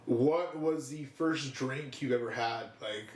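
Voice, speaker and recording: A man's voice: medium pitch, takes it slowly, echoey room. A young man co-hosting a podcast in casual chat, rambling and swearing a lot, laughing often. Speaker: podcast co-host.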